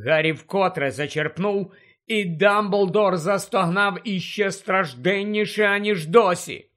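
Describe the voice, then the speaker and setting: High-voiced man narrating a tense audiobook. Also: takes it slowly. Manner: tense, urgent storytelling that drops low and quiet for dark moments.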